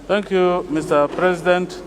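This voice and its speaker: Slow, higher-voiced Nigerian man speaking formally. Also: fairly even intonation, crowd noise. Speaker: senator raising a motion. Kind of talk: formal parliamentary speech.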